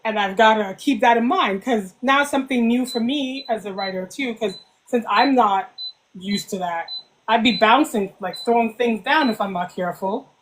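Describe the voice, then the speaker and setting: Woman author, slightly higher-pitched, animated storyteller in a relaxed podcast interview. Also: normal speed, a little hiss or hum, poor audio. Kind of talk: casual podcast interview chat.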